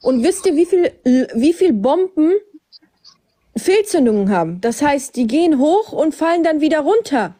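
Female live debater, raised pitch with a mellow tone, pressing her points through insistent questions. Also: big pitch swings, moderate pace.

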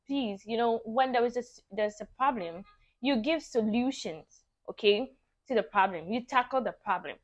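A young Ghanaian woman vlogger telling a story to camera in a casual, animated and exasperated way. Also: mid-range voice. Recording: dull lo-fi audio.

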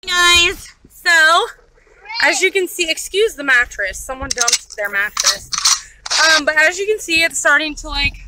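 High-voiced woman vlogging from a car. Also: animated, normal speed, noisy background. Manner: talks while eating, mouth full. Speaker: vlogger host. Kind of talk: casual vlog chat. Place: inside a car on the road.

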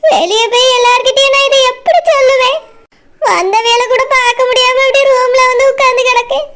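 A voice actor playing a middle-aged village mother who weeps over her family's shame, with a Tirunelveli Tamil accent, in a high cartoon voice. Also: a little fast, pushed and bright, slight background noise, exaggerated voice. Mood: lamenting. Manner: lamenting, worried about shame. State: crying. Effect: high sped-up cartoon voice.

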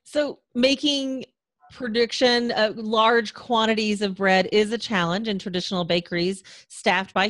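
A woman's voice: on the high side, no room sound. Woman interviewer in her home studio, dry close sound, reads questions carefully. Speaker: interviewer host. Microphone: large studio condenser mic.

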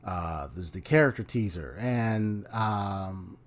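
A young man who makes video game reaction videos on YouTube casually reacts to a game trailer from a small room at home, speaking into a desk microphone on a stand. His voice is lowish and slow, and his relaxed delivery is rambling and hesitant with many restarts.

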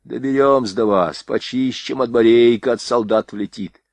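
Male narrator as calm stern soldier, dry close sound. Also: mid-range voice, normal speed, no room sound, close to an everyday voice.

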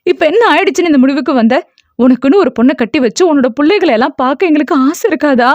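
A tearful, anxious mother, played by a woman reading an audio novel, her voice pitched high and pleading. She scolds and frets at her son. The dull, dry recording has no room sound. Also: very animated, fast talker, a little mellow, no echo.

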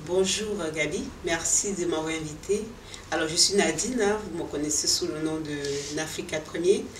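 A middle-aged Cameroonian woman, a fashion designer who owns a boutique, sits indoors in her shop answering interview questions. Her voice is low and at normal speed, earnest and hesitant with many fillers and restarts. The room echoes, she sounds distant, music plays underneath, and there is a little hiss or hum.

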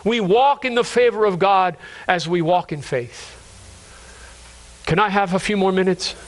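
A man preaching with a high, ringing voice. He works up to fervent, pleading cries, then sinks into slow, quiet stretches, stumbling over and repeating words as he goes. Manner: impassioned, rising to high cries then dropping low and slow. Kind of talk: sermon.

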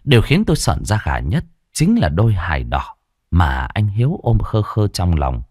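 Brief: low-voiced male storyteller, dramatic and lively, dry close mic. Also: moderate pace, no room sound. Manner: dramatic, expressive, swings between hushed and loud. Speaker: ghost story narrator.

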